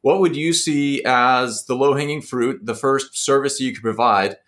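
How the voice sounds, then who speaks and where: A man hosts the conversation with a middle-pitched voice. He frames long, probing questions that come in several parts and pushes the guest for specifics. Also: normal speed, fairly bright tone. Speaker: interviewer. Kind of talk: interview questions.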